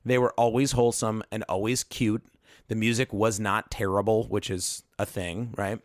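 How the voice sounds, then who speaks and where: This podcast co-host has a lowish voice and a flat, moderately paced delivery. In casual chat he rambles through a lengthy story, cutting himself off often before looping back, and the studio recording carries no echo.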